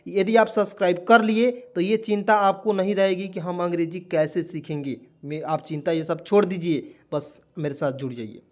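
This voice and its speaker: Male teacher with a high voice, spells words aloud letter by letter and quizzes viewers, patient lesson delivery. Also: moderate pace, few pauses. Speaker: English teacher. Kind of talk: spoken lesson.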